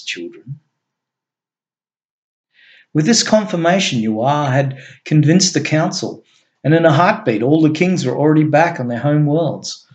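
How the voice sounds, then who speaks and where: Man narrating a sci-fi story, slightly high voice. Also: darkish tone, muffled recording. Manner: measured reading with small slips. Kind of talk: read-aloud fiction narration.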